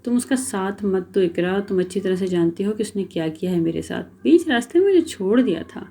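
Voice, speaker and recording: A woman's voice: medium pitch, animated, dark tone, natural voice. A woman reading the lines of a heartbroken young woman, tearful and pleading. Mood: hurt.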